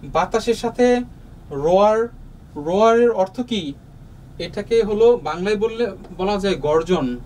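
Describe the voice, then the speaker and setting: Slow, patient Bangladeshi man teaching. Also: high-pitched, animated, darkish tone, recorded from a distance, low-quality recording. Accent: Bangladeshi Bengali. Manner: slow, patient, with many pauses and fillers. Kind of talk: explaining a lesson to young students. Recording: voice from off the mic, faint room noise.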